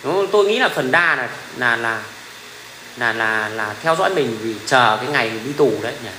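A man's voice: medium pitch, animated, brisk, pushed and bright. Blunt, foul-mouthed man. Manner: blunt and profane, laughs often, mimics commenters. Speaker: livestream host. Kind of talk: casual rambling livestream talk. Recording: echoey room with faint ambient noise.

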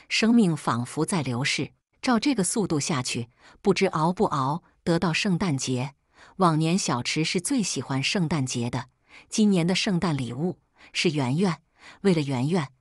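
A woman with a lowish, slightly husky voice tells a first-person story in a measured, plaintive way. The recording is dry and close to the mic, with no room sound. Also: no echo. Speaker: narrator.

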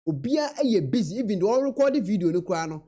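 A man's voice: high voice, big pitch swings, fast talker, dark tone. A young Ghanaian man in a small room, earnestly commenting on a video into a webcam and mixing in English words. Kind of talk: reaction commentary.

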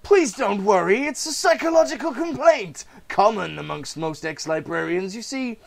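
A man's voice: high voice, animated, moderate pace, gravelly, pitched above the performer's own voice. A man voicing a cruelly jovial, theatrical clown supervillain in a mocking, showy way for a comic-book reading. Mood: gleeful, mocking. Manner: mocking, showy, mock-polite.

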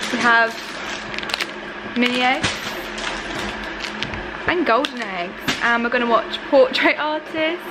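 A woman's voice: a little high, takes it slowly, long pauses, noisy background. A young woman chatting casually to camera in a vlog, rambling with lots of fillers. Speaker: vlogger.

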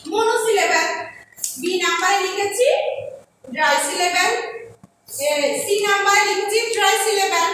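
A woman teaching an online English class to young pupils in Bengali, repeating each definition slowly so they can write it down. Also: extremely high pitch, pushed and bright. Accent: Bangladeshi Bengali. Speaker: primary school English teacher. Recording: echoey room, mic at a distance, faint background noise.

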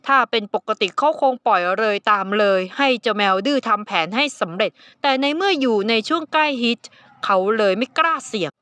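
A middle-aged woman reading a romance novel aloud in a gentle, even storytelling manner. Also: on the high side, fairly quick, no room sound. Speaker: audiobook narrator. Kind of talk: scripted novel narration.

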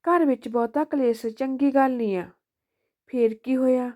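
A woman voicing an elderly mother who speaks softly and forgivingly to her son, in a storybook reading. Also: high voice, normal speed, close to an everyday voice. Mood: pleading. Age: older.

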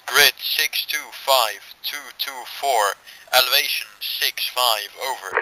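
A man's voice: mid-range voice, slow. A man giving clipped artillery radio calls in procedural military style, through a radio effect. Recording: very noisy radio transmission with clicks.

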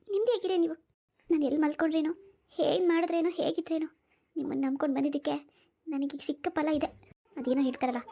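A woman's voice: sits high, warm tone. A woman voicing a young cartoon wife who feels hurt and resentful toward her husband, with sulky, wounded complaints. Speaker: cartoon character. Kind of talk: animated drama voice acting.

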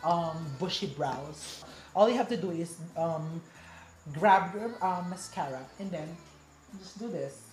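A man's voice: fairly high pitch, measured pace, a little mellow, slight background noise. A tipsy young Filipino man with a Filipino accent giving a casual makeup tutorial that mixes English and Tagalog. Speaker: makeup artist and vlog host. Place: small indoor room, seated at a table. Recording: echoey room with music behind.

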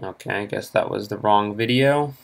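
Talking at a moderate pace with vocal fry in a lowish voice, a young car vlogger casually goes over car auction listings from a room at home. His rambling, filler-heavy screen-recorded commentary is captured by the laptop's internal microphone.

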